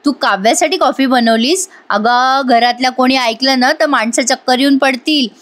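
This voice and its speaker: A young daughter who keeps doubting her mother's scheme, played by a woman narrating a serial recap. The voice is high, and her lines sound questioning and unsure. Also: moderate pace, fairly bright tone. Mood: doubtful.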